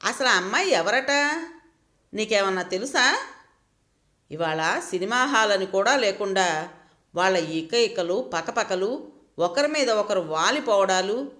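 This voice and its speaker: A woman's voice: medium pitch, lively intonation, a little slow, long pauses, a bit bright. A woman voicing an outspoken woman friend who scolds and bristles with anger. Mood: indignant. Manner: angry, scolding.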